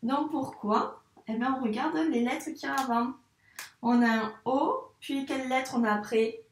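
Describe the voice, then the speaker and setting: Slow, patient woman teaching reading. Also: high voice, roomy sound, distant mic. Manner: patient, slow, over-articulated sounds for children. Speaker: primary school teacher. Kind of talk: reading lesson for young children.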